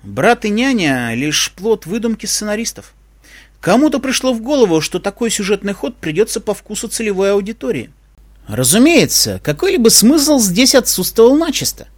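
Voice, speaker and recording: Brief: male reader doing a witty male ship computer, animated and playful, a bit high. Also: normal speed. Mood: serious.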